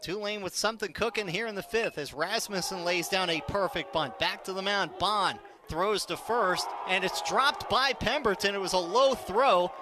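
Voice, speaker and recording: A high-voiced American man narrates a baseball game as a live radio play-by-play announcer, detailed and measured until the action builds, when he readily lifts into excitement. Background noise can be heard.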